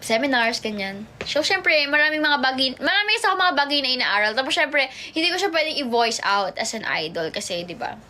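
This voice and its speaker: Bright, high-voiced young woman livestreaming. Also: very animated, a little fast, a little hiss or hum. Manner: chatty, switches between Tagalog and English, reads viewer comments aloud. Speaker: idol livestreamer. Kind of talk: casual livestream chat reading comments. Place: home. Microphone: phone livestream.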